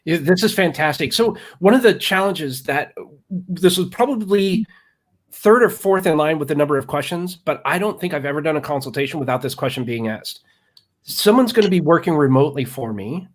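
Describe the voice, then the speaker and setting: A man's voice: on the high side, animated, fairly quick. A man hosting a live webinar over a video call, introducing and questioning his guest in a friendly way. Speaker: webinar host.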